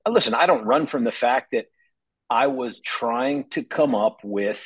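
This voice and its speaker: A man's voice: medium pitch, a little slow, husky, poor audio. A man appearing as a candidate on a talk radio show, explaining himself animatedly and laughing at times. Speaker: political candidate guest.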